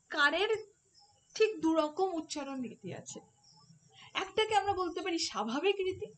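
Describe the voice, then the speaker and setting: A woman teaching a phonetics lesson for an exam, explaining step by step and asking rhetorical questions. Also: extremely high pitch. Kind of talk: online exam-prep lesson.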